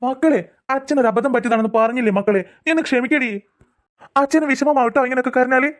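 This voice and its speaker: A woman voicing a soft-hearted cartoon father who pleads and apologizes to his daughters and wife. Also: high voice, quick pace, lightly acted. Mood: pleading.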